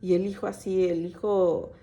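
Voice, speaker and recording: A woman's voice: fairly low pitch, level tone, moderate pace, warm tone, muffled recording. A woman giving an informal sermon to a church women's group, talking hesitantly with many fillers and restarts and telling stories to her sisters in faith. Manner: conversational storytelling, addressing listeners as sisters. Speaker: women's Bible teacher at church.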